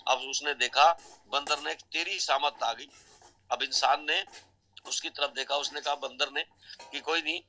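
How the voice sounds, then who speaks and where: A man's voice: mid-range voice, steady tone, a little slow, pushed and bright, rough recording. A middle-aged man, a network marketing trainer, telling a motivational story in a chatty way and often checking in with his listeners.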